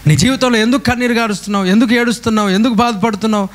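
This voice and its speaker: A man with a high voice preaches to his congregation. He repeats his lines and throws question after question at the listeners, calling for their answers. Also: fairly even intonation, racing. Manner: repetitive, rhetorical questions to the congregation. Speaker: pastor. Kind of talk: call-and-response sermon.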